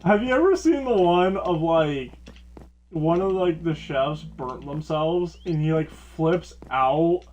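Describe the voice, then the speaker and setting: A man's voice: fairly high pitch, expressive, slow pace, darkish tone, lo-fi sound. A man hosting a casual podcast chat, rambling with lots of filler words. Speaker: podcast host.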